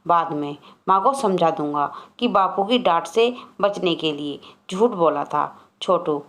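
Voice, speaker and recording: A woman with a fairly low voice tells a scripted horror story. Her delivery is measured and dramatic. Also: expressive, a bit bright.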